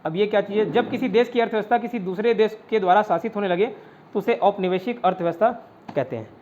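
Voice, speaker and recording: A man with a fairly high voice leads an online exam-prep class. He explains step by step and answers his own questions as he goes. The sound is dull and lo-fi. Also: fast. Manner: often adds "ठीक है" to check understanding. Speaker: teacher.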